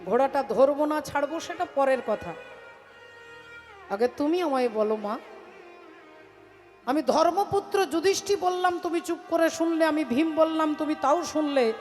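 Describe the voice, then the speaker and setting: A woman's voice: sits high, expressive, a little slow, pauses often, darkish tone. A woman storyteller voicing a young warrior prince who presses his mother with urgent, repeated questions. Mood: demanding. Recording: reverberant hall with music behind.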